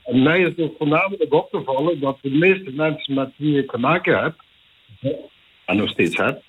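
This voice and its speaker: A husky-voiced man in his fifties speaks over a landline phone, the sound thin and tinny. He is a caller on a late-night radio show, his voice a little high, and he hesitates often with pauses as he gathers his words. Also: lively intonation. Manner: hesitant, many filler pauses. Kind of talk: call-in radio chat.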